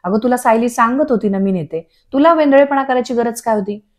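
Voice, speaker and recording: A woman's voice: on the high side, fairly quick, a little mellow, close to an everyday voice. A woman voicing an irritated older husband who scolds his wife.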